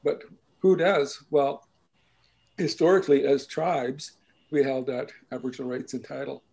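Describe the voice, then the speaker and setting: A man giving a slow, patient explanation of his people's dialects and lands, often checking in with the listener. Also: mid-range voice, steady tone, creaky, a little mellow, rough recording. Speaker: language and culture speaker. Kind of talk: explanatory talk.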